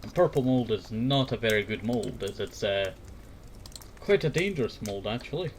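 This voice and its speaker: The host of a fireside talk series rambles in a relaxed chat, circling back to the same words and tag phrases and occasionally reading bits aloud. He has a fairly low, animated voice at a moderate pace. There's a slight hiss or hum on the recording.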